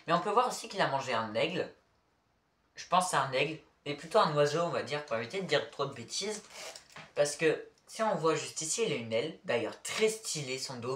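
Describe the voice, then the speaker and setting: Showing his figurine collection to the camera, a man talks casually but hesitantly, with many fillers and self-corrections. His voice is mid-range and a bit bright, recorded in an echoey room with the mic far off.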